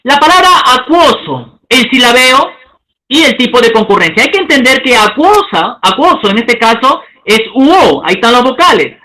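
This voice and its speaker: Man, classroom lesson, bright tone, animated intonation, checks in with listeners. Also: very high voice, rough recording. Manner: slow, drawn-out spelling of example words; checks in with listeners, asking okay. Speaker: teacher.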